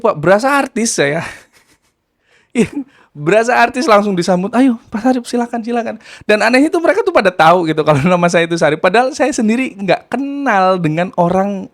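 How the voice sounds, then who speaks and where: A man from Indramayu casually telling a true story, acting out voices and laughing as he goes. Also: high voice. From Indramayu, West Java. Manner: lively, acts out quoted voices, laughs while telling.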